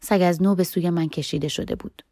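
Warm-voiced woman reading a novel aloud. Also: fairly low pitch, fairly even intonation, no room sound, clean studio sound. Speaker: audiobook narrator. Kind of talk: first-person novel reading.

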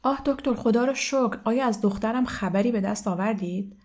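A woman's voice: darkish tone, close to an everyday voice. A woman reading aloud and voicing a distraught, confused woman in her thirties who talks in an anxious, pleading way. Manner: pleading, agitated, raised pitch.

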